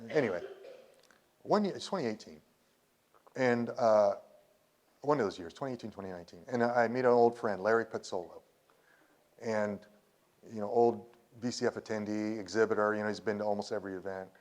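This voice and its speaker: A man's voice: fairly low pitch, brisk, long pauses, a little mellow. A man in his fifties giving a conference talk, telling a personal story in a rambling way with restarts, and emotional at times. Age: 50s. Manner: rambling, with restarts and quoted dialogue. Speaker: conference speaker. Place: presentation hall.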